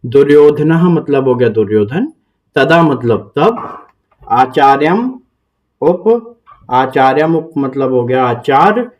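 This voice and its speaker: A man's voice: fairly high pitch, darkish tone. A man, hosting his channel and patiently explaining and reciting a Sanskrit verse step by step. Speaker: Gita teacher, channel host.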